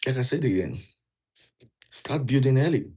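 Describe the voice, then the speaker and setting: A man from Nigeria, speaking at normal speed in a medium-pitched, expressive, mellow and husky voice, casually gives viewers earnest immigration advice. He's indoors in a jacket, and his Nigerian English talk repeats key points and asks the audience questions.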